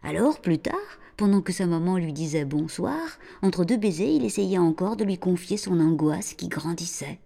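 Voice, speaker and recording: A woman narrating a children's story in an expressive, lively reading voice. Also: on the low side, moderate pace, vocal fry, few pauses.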